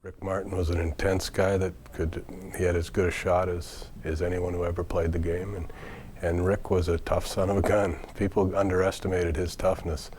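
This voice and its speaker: A man giving a measured documentary interview about former hockey players. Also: deep voice, flat delivery, a little mellow, breathy edge.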